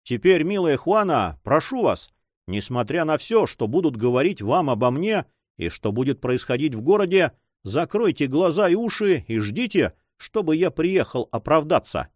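A man's voice: a little high, sing-song, moderate pace, no echo. Man reading as an earnest young lover. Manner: earnest, reassuring, insistent.

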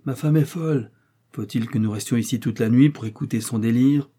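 A man's voice: mid-range voice, fairly quick, warm tone, breathy edge, natural voice. Man doing a surly impostor captain. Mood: scornful. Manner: scornful, dismissive.

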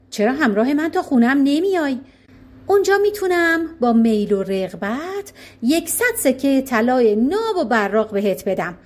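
A woman voicing a calm, shrewd old king in disguise in a storybook tale. He speaks politely, with gentle irony. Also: high-pitched.

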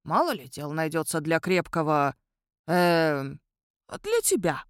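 A gruff older cemetery caretaker who talks bluntly and scolds, put on by a woman narrator. His voice sits lower than hers, dry and close to the mic. It comes from an audiobook. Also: big pitch swings, slow, no room sound, heavily acted. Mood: advising.

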